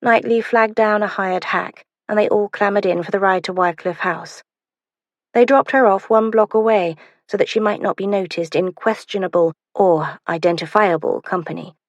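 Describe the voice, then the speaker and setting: A woman narrating a historical romance audiobook in a measured, expressive reading. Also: medium pitch, no echo. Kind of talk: scripted narration.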